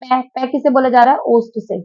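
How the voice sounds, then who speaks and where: Patient woman teacher, high voice. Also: steady tone, fairly quick, muffled recording. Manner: patient, calls students 'beta', drills sounds aloud. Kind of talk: exam prep lesson.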